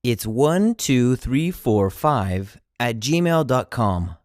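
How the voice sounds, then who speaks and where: Teacher voice for phrase drills: slow, chunked repetition, dry close sound. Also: mid-range voice, sing-song, darkish tone, no room sound. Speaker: language teacher.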